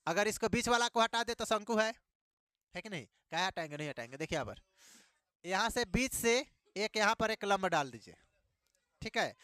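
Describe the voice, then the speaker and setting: A man's voice: sits high, expressive, normal speed, sharp tone, dry recording, clean studio sound. A man teaching a math lesson, repeating key words back as questions and adding playful asides.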